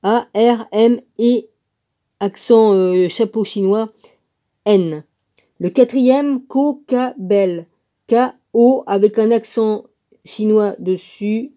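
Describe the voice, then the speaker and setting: Woman, slow home reading, dark and mellow tone, spells names out, chatty asides. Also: medium pitch. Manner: slow, spells out names letter by letter, comments as she goes. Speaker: reader of a religious text. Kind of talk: casual reading aloud with asides.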